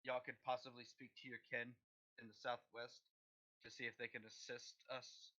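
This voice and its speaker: Sharp-voiced sarcastic man, lo-fi mic. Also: medium pitch, little pitch movement, normal speed. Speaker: player. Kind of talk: casual tabletop game chat.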